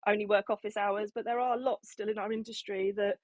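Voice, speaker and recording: A woman's voice: mid-range voice, fairly even intonation, fairly quick, dry recording. A woman, a salon owner chatting casually, slightly out of breath, with many ums and restarts. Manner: rambling, lots of ums and restarts. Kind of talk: casual chat on an audio room.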